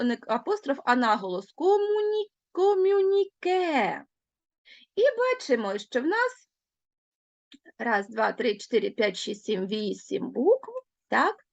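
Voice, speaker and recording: A woman teaching an online grammar lesson, speaking clearly and deliberately and drawing out words slowly for the class. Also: medium pitch, no echo, dull audio.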